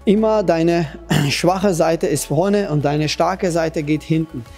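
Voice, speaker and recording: A man coaching young children in self-defense, speaking in short, simple, slightly broken phrases and repeating key points as he demonstrates. His voice sits fairly high but sounds warm and mellow. Faint music plays softly behind him. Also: slow pace. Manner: patient, repetitive, demonstrating as he talks. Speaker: Krav Maga kids' trainer. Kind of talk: instructional talk to children.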